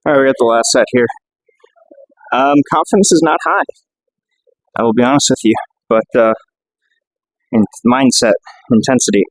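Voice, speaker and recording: A man talking casually through his gym workout as a fitness vlogger, chatty and relaxed with lots of fillers, catching his breath between sets. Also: medium pitch, moderate pace, pauses often, no echo, poor audio.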